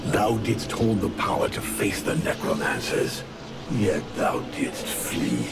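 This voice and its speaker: An actor playing an imperious ancient flame spirit in a video game, declaiming accusations in grandiose archaic speech. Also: male voice, on the low side, takes it slowly, gravelly. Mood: accusing. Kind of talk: video game character acting. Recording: distant-sounding voice under very loud music.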